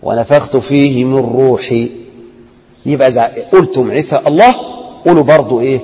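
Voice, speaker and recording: A man with an Egyptian Arabic accent teaching a religious lesson, acting out debates and often dropping to a low, quiet voice. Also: brisk, husky. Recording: echoey hall, dull lo-fi sound.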